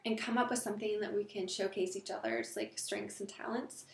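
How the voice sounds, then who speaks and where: A woman telling lively anecdotes in a casual interview, laughing often and acting out the voices in her stories. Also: mid-range voice, fairly quick, gravelly, roomy sound. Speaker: interview guest. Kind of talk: casual storytelling.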